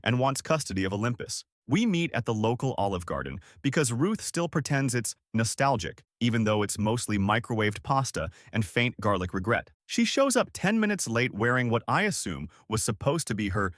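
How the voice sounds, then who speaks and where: A man's voice: medium pitch, big pitch swings, moderate pace, hardly any pauses, dry recording. Middle-aged male narrator, sardonic and dry, close dry recording. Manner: sardonic, wry. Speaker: storyteller. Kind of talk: scripted story narration.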